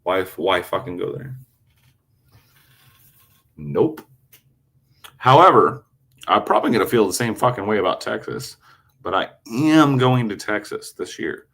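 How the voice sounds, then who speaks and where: A man chatting on a casual livestream, telling a rowdy story, cursing constantly, with loud animated outbursts when quoting himself. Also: on the low side, a little slow, gravelly, pauses often. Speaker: live streamer. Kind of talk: casual rambling livestream chat.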